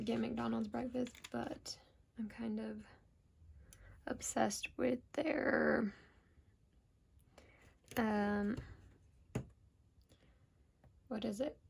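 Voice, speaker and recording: A woman's voice: a little high, flat delivery, extremely slow, gravelly, pauses often, a little mellow, a little hiss or hum. A woman with an American accent chatting casually and informally in a rambling, self-deprecating plan-with-me vlog, often trailing off mid-thought. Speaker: planner vlogger.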